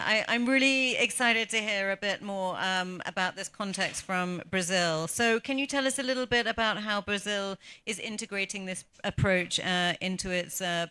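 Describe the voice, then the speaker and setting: A woman moderates a panel in an informal, encouraging style. Her voice is bright and forward, clean and crisp, at a medium pitch.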